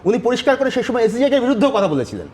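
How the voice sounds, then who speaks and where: A man's voice: very high voice, big pitch swings, racing, darkish tone, a little hiss or hum. A man arguing as a guest on a televised debate, insistent and talking over interruptions. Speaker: panel guest. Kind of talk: studio debate argument.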